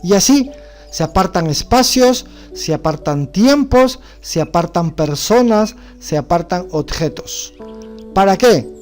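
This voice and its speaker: A man gives a religious studies lecture, walking his class through word meanings step by step and dropping frequent rhetorical checks to see that everyone follows. His voice sits somewhat high for a man, and faint music runs underneath. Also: animated, measured pace, darkish tone. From Bolivia. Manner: explanatory, asks rhetorical questions with frequent "¿no?". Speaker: teacher.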